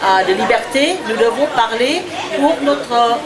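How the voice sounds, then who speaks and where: Woman, activist spokesperson, halting delivery, slightly high voice, crowd behind. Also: expressive, rough recording. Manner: hesitant, many fillers. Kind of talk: street interview. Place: outdoor street rally. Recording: outdoor crowd noise.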